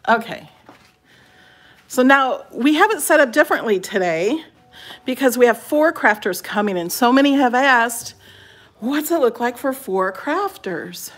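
Expressive and a little slow, a woman with a fairly bright voice on the high side hosts a casual house tour, chatting through the rooms of a small home before stepping onto the porch and driveway. An operator films behind the camera on a handheld phone, so the recording is noisy and in motion.

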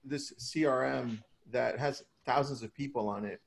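A man's voice: medium pitch, normal speed, creaky. Upbeat joking man hosting a webinar. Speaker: webinar co-host.

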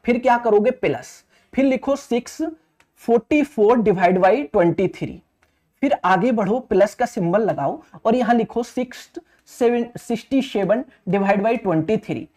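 A man in his thirties with a high-pitched, expressive, somewhat darkish voice walks through exam maths step by step at a slightly slow pace. He repeats key points, often calls his listeners friends, and checks they're following along. He's in an indoor teaching studio, working at a digital board.

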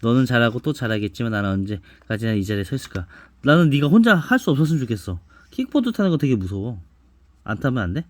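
A man reading a picture book aloud to his child at home, gently and softly, stopping now and then to ask the child questions. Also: mid-range voice, very animated, quick pace, no echo. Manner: gentle, soft-spoken, stops to chat and ask the child questions. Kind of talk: bedtime storybook reading with asides to a child.

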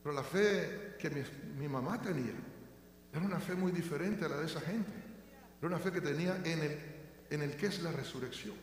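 An older man preaching a sermon as pastor, shifting between fervent loud proclaiming and quiet tender storytelling. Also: on the high side, a little fast. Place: church sanctuary. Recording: echoey church hall.

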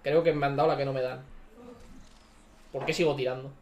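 A man's voice: mid-range voice, little pitch movement, a little fast, a little hiss or hum. A man with a Spain Spanish accent, ranting and swearing repetitively as he reacts to game summons. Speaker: gaming streamer. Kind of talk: gacha summon reaction commentary.

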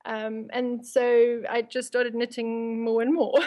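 A woman with a South African accent and a high voice talks as a guest in an interview. She answers casually, in everyday conversational language. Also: flat delivery, takes it slowly, a little mellow.

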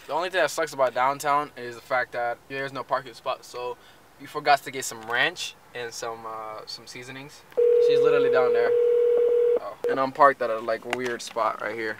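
A man vlogging casually from his car, animated and quick in bursts. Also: medium pitch. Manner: animated, talks fast in bursts. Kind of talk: casual vlog chat. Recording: noisy car vlog.

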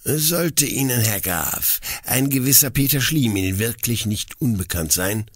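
A man's voice: expressive, a little slow, slightly rough, dry recording, studio quality. A man voicing a stern, angry middle-aged head forester who confronts his daughter's suitor. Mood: probing. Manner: furious, accusing, voice rising high.

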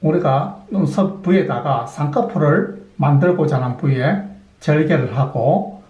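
A middle-aged plastic surgeon explains surgical methods step by step in a methodical clinic talk, posing questions and answering them himself. His voice is fairly high, mellow and a little slow, recorded with dull audio in an echoey room.

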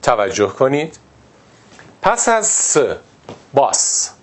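A man from Iran teaching a pronunciation lesson, explaining step by step and repeating example words slowly. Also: mid-range voice, very animated. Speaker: English teacher.

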